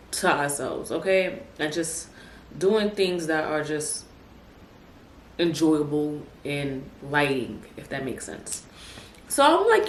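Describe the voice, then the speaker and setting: In a casual chat, this low-voiced woman from Brooklyn, New York City, a podcast host, talks in a chatty way, tossing out lively asides such as "honey" and "child." The recording sounds roomy and echoey, with faint background noise.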